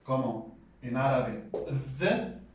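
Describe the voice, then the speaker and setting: A man giving a casual pronunciation lesson, relaxed and chatty, often checking in with his listeners and repeating sounds slowly. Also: medium pitch, recorded from a distance, slight background noise. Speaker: language teacher. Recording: echoey room, voice from off-mic.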